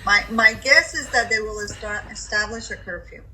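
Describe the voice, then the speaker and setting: An older woman co-hosting a casual chat, speaking in an emphatic, expressive way. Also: medium pitch, moderate pace, low-quality recording. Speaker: co-host.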